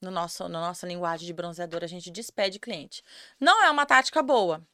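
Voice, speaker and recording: A woman's voice: on the low side, brisk, sharp tone, no room sound. A woman, a podcast guest telling her own story in a candid, earnest way and repeating words for emphasis. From Campo Grande, Brazil. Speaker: podcast guest, tanning professional.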